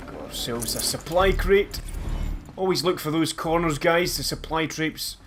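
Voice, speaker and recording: Slightly high-voiced and unhurried, the Scottish let's play host keeps up casual, chatty commentary full of self-mockery and sudden loud laughs. A faint hiss or hum sits under the recording.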